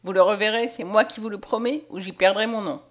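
A woman's voice: mid-range voice, steady tone, brisk, close to an everyday voice. A woman voicing a bold, loyal male hussar who firmly defends a friend, in an audiobook. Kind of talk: audiobook character voice.

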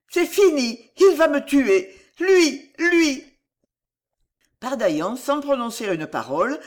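Dramatic storybook narrator, very animated pitch, theatrical reading. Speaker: audiobook narrator.

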